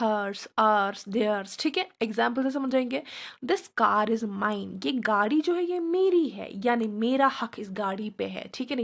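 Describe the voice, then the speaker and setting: A woman teaching a grammar lesson, coaxing her students and often checking that they understand, reading definitions slowly. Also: a little high. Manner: reads English definitions slowly. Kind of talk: classroom grammar lecture.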